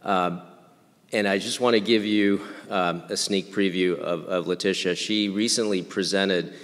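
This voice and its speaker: A man's voice: sits low, fairly even intonation, unhurried, a bit bright. A man in his fifties moderating a panel, talking with hesitant restarts. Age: 50s. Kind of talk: panel introduction. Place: reunion event hall. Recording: echoey hall.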